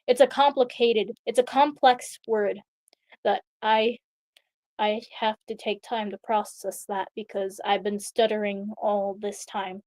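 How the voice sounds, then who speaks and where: A woman's voice: medium pitch, steady tone, unhurried, darkish tone, no room sound. A young woman streamer reading a story aloud, stumbling over words and chatting as she corrects herself. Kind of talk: reading aloud with casual asides.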